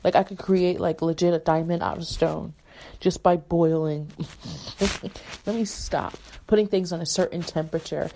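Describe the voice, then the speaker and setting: A young woman talks through a casual solo podcast, her voice low-pitched and mellow. She drifts between stories and asides, checking in with rhetorical questions. A faint hiss sits under the recording. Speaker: podcast host.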